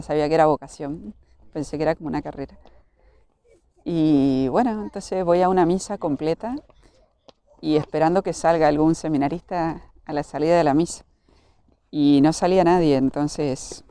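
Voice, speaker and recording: A man's voice: fairly high pitch, warm tone. A young man, a priest with an Argentine accent, telling his life story in an interview and acting out the dialogue he remembers. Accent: Argentine Spanish. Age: young adult. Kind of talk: personal testimony in an interview.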